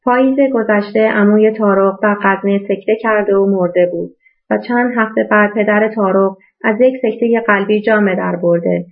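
A woman reading a novel aloud as audiobook narrator in a steady storytelling manner, in a tinny phone-like recording. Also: mid-range voice.

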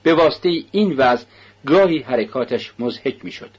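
Husky male audiobook narrator. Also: mid-range voice, animated, dull audio. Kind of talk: scripted narration.

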